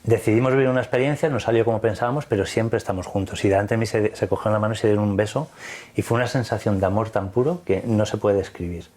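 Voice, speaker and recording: A man's voice: fairly low pitch, fast, darkish tone. A man from Spain with a Spanish accent, recounting a personal experience in earnest, vivid detail, quoting the dialogue. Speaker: interview guest.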